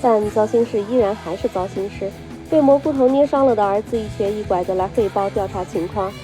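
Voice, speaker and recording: A woman narrating a film recap in a brisk storytelling delivery, reading a script. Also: mid-range voice, music in the background.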